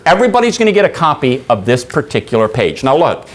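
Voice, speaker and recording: A man training a room of workers, telling anecdotes with lively acted voices and quizzing the audience. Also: medium pitch, quick pace. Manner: animated storyteller, acts out voices, asks the audience. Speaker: sales trainer. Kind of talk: seminar talk with acted anecdotes.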